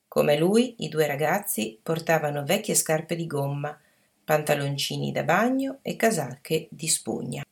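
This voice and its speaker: A woman narrating a story in an even, measured reading voice. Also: sits low, vocal fry. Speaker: audiobook narrator.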